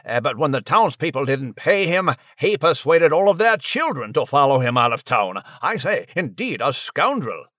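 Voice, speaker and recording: A man's voice: a little high, very animated, moderate pace, hardly any pauses, fairly bright tone, no room sound, studio quality. A man voicing a prim, old-fashioned male mouse with a put-on posh English manner. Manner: posh exclamations, stiff and proper.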